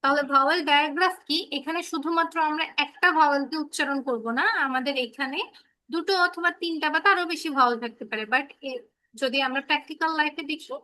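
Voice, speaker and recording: Bright high-voiced woman teacher. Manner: patient, keeps checking if pupils understand; addresses the children affectionately as "baba". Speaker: English teacher. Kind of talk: online phonics class for children. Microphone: laptop microphone on a video call.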